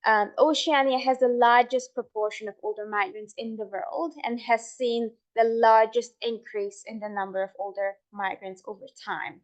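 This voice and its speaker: A woman's voice: a little high, steady tone, highs cut off. Hungarian-born woman giving an academic talk. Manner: measured, with frequent ums and restarts. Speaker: researcher presenting her work.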